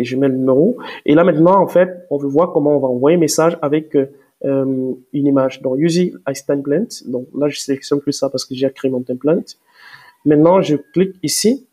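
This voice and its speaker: A man walking viewers through software step by step in a screen-recorded tutorial, hesitant with many fillers and restarts. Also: medium pitch, husky. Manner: explains step by step, addressing viewers directly. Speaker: tutorial presenter.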